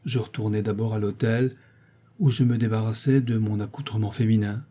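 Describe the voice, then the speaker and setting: A man narrating a classic novel as an audiobook with a measured, expressive reading. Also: lowish voice, slightly rough.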